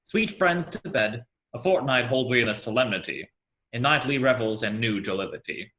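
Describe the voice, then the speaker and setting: A man playing a stately duke, speaking measured, declamatory verse. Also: medium pitch, expressive, sharp tone, low-quality recording. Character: stately duke closing the night's revels. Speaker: student actor.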